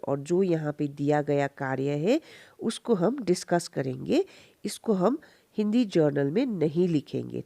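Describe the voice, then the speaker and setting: Slow, lively-voiced woman teacher. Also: lowish voice. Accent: Nepali. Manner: slow, syllable-by-syllable pronunciation drills with frequent checking questions. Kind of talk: recorded Hindi class lesson for children.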